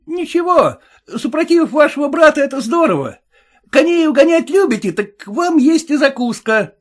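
A man voicing a suspicious, boastful peasant cab driver with a shrill, folksy way of talking. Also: lively intonation, normal speed.

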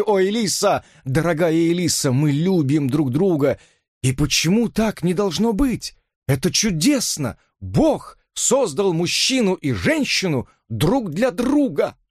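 A tearful, pompous preacher, as a male narrator puts him on, pleading in a high, trembling declamation. The voice swoops wildly through its range. The recording is close and dry. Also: no room sound, heavily acted.

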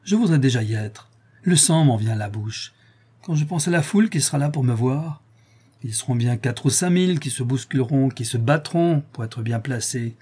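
Un homme lisant à voix haute prête sa voix à un forçat endurci et fanfaron, à la bravade sauvage. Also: male voice, medium pitch, moderate pace, darkish tone, husky, close to an everyday voice. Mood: exalted. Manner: swaggering, boastful. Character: boastful hardened male convict, savage bravado.

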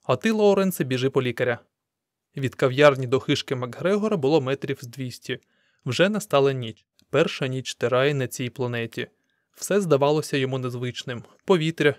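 A man reads an audiobook aloud in a steady, measured way from a script. His voice sits in the mid range, and the studio-quality recording has no room sound.

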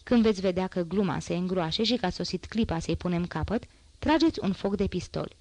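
A woman voicing a stern male police inspector who gives quick, firm orders, in an audiobook reading. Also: on the low side, lively intonation, darkish tone, no room sound.

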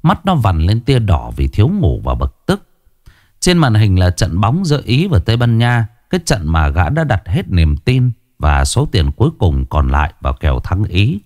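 Brief: male storyteller, somber scripted ghost tale, deep tone, dry close sound. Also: wildly swooping pitch, normal speed, darkish tone, no room sound.

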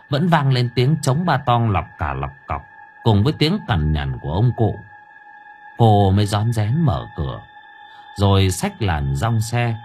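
A man narrating an audiobook story in a lively, colorful storytelling manner. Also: fairly low pitch.

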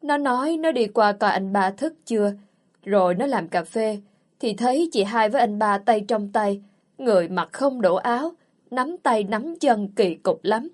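A woman's voice: on the high side, animated, a little slow, a little mellow. A woman reading the part of a self-righteous young woman who scolds and accuses. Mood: scornful.

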